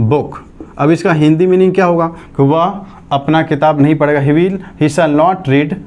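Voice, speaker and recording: A man with a slightly high, somewhat mellow voice lectures on English grammar in a classroom. He explains things step by step, dictates sentences word by word, and asks whether the class has understood.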